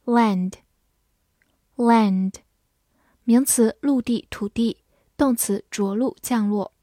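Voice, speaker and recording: A woman runs a vocabulary lesson in a somewhat high voice, saying each English word slowly twice before reading its meanings. Her pace stays slow and deliberate, and the recording is close and dry. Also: warm tone, no echo.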